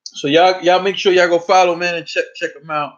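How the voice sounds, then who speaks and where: A man with a New York accent hosting a casual live stream, his voice sitting a little high. He talks loosely and profanely, stumbling and repeating words. The audio is dull and lo-fi. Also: little pitch movement, a little fast. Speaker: host.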